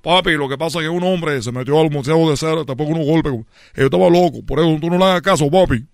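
A man's voice: a little high, quick pace, creaky, no echo, studio quality. A man setting up a comedy skit on a radio show with a jokey, playful delivery.

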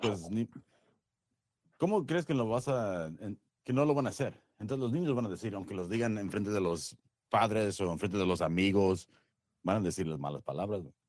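A man joining as a guest on a casual podcast chat, talking in halting, restarted sentences about his kids. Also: fairly low pitch, expressive, darkish tone, no room sound, clean studio sound.

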